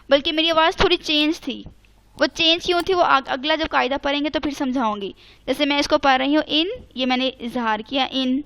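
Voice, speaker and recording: A woman teaching an online Quran recitation lesson, patiently explaining each rule step by step, slowly spelling out letters and mixing English words into her speech. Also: high voice, fairly bright tone, clear, resonant tone. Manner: mixes English words into Urdu.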